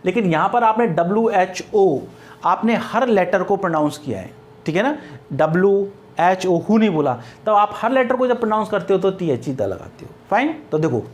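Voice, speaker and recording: A man's voice: sits high, animated, normal speed. A male English grammar teacher explaining step by step, mixing English terms into Hindi and answering his own questions. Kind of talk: Hindi-language grammar lesson.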